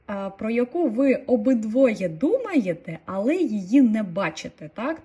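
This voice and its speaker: A woman leads an online vocabulary lesson. Her voice is warm and low in brightness, with a soft husky edge. She explains calmly and repeats every new word. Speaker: language teacher.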